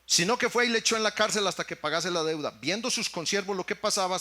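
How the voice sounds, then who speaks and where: Mexican pastor guy preaching, highish voice, keeps repeating himself, calls everyone brother. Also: sharp tone. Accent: Mexican Spanish. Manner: preaching with emphatic repetitions, addressing the congregation as brothers. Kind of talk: sermon.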